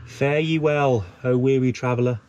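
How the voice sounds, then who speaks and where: With background noise and music underneath, an English van life vlogger in his thirties chats upbeat and cheekily to his mounted action camera inside his parked camper van. His mid-range voice stays steady at a normal speed.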